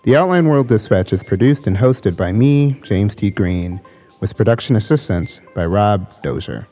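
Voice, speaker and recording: A man hosts a podcast interview in a relaxed, rambling way. His voice sits on the low side. He leans on fillers as he works toward his questions. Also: normal speed, soft background music. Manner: casual, filler-heavy questions. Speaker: podcast host.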